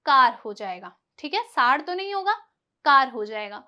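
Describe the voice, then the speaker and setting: A woman teaching a lesson, asking questions and answering them herself, repeating each example word slowly. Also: high-pitched, big pitch swings, clear, resonant tone, highs cut off. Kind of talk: classroom-style lesson.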